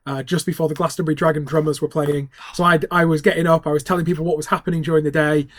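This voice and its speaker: A man's voice: a little high, flat delivery, rapid-fire, dry recording, clean studio sound. A man talking casually and jokily as a guest in an interview. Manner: jokey, given to laughter. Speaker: town crier, interview guest.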